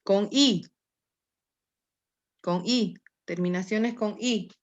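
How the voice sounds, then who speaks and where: A woman's voice: medium pitch, extremely slow. A woman teacher leading a grammar lesson, coaxing her students along patiently and checking in with them often.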